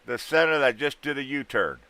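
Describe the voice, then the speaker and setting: A man in his thirties hosts a casual livestream, bantering with guests in trucker slang. His mid-range voice is animated and a little fast, with crowd noise around him.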